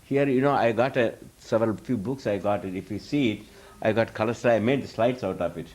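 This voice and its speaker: His voice is fairly low, a little mellow, and brisk. A spiritual teacher in front of a live audience, he responds to questions in a loose lecture style, rambling, restarting sentences often, and chuckling along the way.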